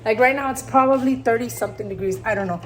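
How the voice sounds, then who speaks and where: A woman's voice: on the high side, fast talker. A woman chatting casually to her viewers, rambling with lots of fillers as she walks around her house. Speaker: vlogger. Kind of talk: casual vlog chat. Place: at home, walking through rooms.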